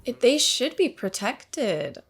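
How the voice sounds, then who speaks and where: A woman gives casual reaction commentary in an expressive, exclamatory way. Her pitch is very lively and her pace unhurried, with faint music behind her. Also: breathy edge. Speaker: reaction video host.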